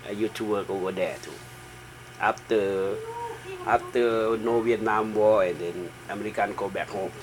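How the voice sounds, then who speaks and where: A middle-aged man from Thailand with a Thai accent answers interview questions in halting, simple English with short broken phrases, as a native Thai speaker. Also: lowish voice. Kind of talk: informal oral history interview. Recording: noisy room with steady background hum.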